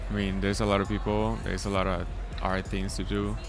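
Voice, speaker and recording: Twenties male guest DJ from the Dominican Republic; low, loose, filler-heavy chat on a handheld mic outside, faint music. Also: monotone, fairly quick. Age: 20s. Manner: rambling, lots of likes and ums. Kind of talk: casual interview. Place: outdoors at a city festival.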